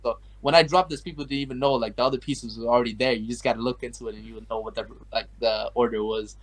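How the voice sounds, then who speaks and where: A young Afghan man, a guest artist, chats casually in an interview and rambles through his story with plenty of filler words, especially "like" and "you know." His medium-pitched voice has fairly even intonation and a quick pace, and the recording is rough.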